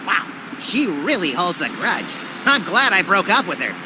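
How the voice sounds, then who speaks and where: A man's voice: high voice, very animated, moderate pace, background noise. A man voicing a small, gleefully tactless, snide rabbit sidekick in a cartoon video game. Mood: flippant. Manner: flippant, snide.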